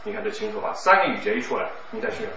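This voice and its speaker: Middle-aged guy teaching a reading class, jokey and animated, sounds dull and noisy like a far mic. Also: high-pitched, racing, creaky. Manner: chatty, teasing, laughs often. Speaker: recitation teacher. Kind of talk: classroom coaching and Q&A. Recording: echoey, distant, muffled room with noise.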